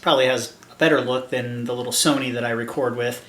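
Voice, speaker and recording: A man's voice: medium pitch, fairly even intonation, fast talker, a bit bright, roomy sound. An American man in his thirties vlogging casually to camera, with a slight lisp and numb-mouthed speech after dental work. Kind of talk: casual vlog talk to camera. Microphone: camera microphone.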